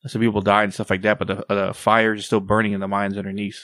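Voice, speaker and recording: A man's voice: fairly low pitch, completely flat delivery, quick pace, fairly bright tone, dry recording, studio quality. A man in his thirties co-hosting a casual podcast, laid-back, swearing casually and trailing off. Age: 30s. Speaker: podcast co-host.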